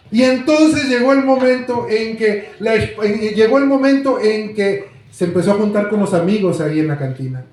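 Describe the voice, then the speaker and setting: A man's voice: high-pitched, a little mellow. A male preacher, telling a parable in a sermon and putting questions to the congregation. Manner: dramatic, addresses the congregation with questions. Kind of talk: sermon storytelling. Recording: very echoey room.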